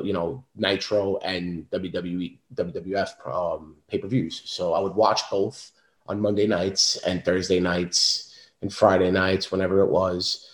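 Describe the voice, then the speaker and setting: A man's voice: deep voice, roomy sound. A man in his thirties with a Brooklyn New York accent, talking bluntly and tough in a casual interview. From South Brooklyn, New York, USA. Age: 30s. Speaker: professional wrestler, interview guest.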